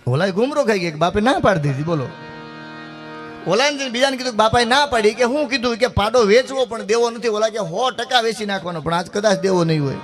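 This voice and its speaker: A middle-aged man, telling rustic folk jokes on stage and switching quickly into the voices of his characters. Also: high-pitched, expressive, faint music behind. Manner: rapid rustic joke-telling with dialogue voices. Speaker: folk comedian. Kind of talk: stage folk humor storytelling.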